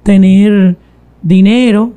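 Woman guest, confessional testimony, unhurried, mellow tone. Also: medium pitch, fairly even intonation. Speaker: guest telling her testimony. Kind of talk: testimony interview.

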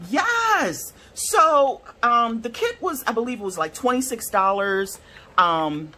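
A woman reviewing art supplies in a casual swatch video, gushing and excitable, gasping and squealing over the colors. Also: mid-range voice. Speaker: product reviewer.

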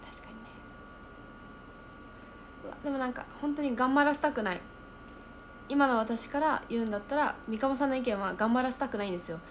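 A young woman chatting casually on a livestream, reading viewer comments aloud and thinking out loud as she reacts. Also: a little high, a little hiss or hum.

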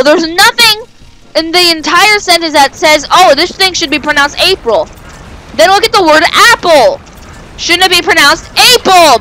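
A woman giving casual, rambling gameplay commentary as a let's player, with sudden excited exclamations. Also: extremely high pitch, slight background noise, rough recording. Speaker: video game let's player.

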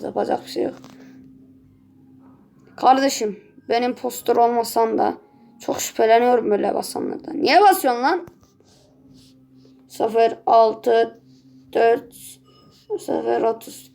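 A woman hosting her own gaming channel, giving casual running commentary over gameplay, easily excited and quick to swear and yell at the game. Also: fairly high pitch, creaky.

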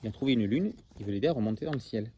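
A male teacher reading a picture book aloud to his pupils, gently pointing things out and explaining as he goes. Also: mid-range voice, lively intonation, racing, muffled recording, a little hiss or hum.

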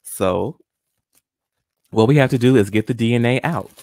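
With a mid-range, darkish voice at normal speed, a friendly guest scientist in his forties walks viewers through a hands-on experiment at home one step at a time. He records in a small home room on a studio condenser mic with pop filter and headphones, and there's no echo.

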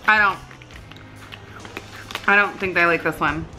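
A woman's voice: fairly low pitch, steady tone, unhurried, pushed and bright, soft background music, low-quality recording. A woman in her thirties chatting casually as a vlog host, recorded on a camera at arm's length indoors. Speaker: vlog host doing a taste test. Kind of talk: casual chat. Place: living room couch, indoors.

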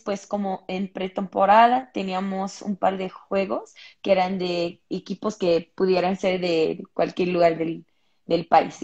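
A woman's voice: mid-range voice, darkish tone. A young woman from Los Angeles, a footballer answering interview questions on a video call from a room at home, thoughtful, with many fillers and restarts. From Los Angeles, United States. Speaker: footballer guest. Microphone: earbuds on a video call. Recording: muffled video call audio.

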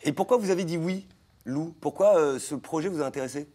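A man's voice: a little high, fairly quick, dark tone. A young man hosting a TV studio show, interviewing guests in a playful, laughing way. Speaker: TV show host. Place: TV studio set. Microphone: handheld mic.

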